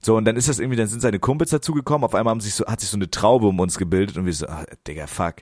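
A man's voice: fairly low pitch, very fast, a little mellow, no echo, studio quality. A young man co-hosting a podcast, telling rambling stories in loose slang. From northern Germany. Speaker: podcast co-host. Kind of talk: casual chat.

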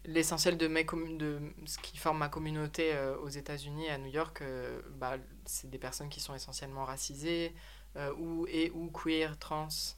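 A woman's voice: low-pitched, flat delivery, normal speed. A woman interpreting an interview into French, hesitant, with frequent euhs and self-corrections.

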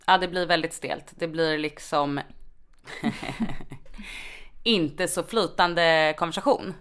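Low-voiced Stockholm woman chatting. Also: steady tone, fairly bright tone, smooth. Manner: informal, sweary, slangy speech. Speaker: podcast co-host; nurse. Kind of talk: casual conversational storytelling.

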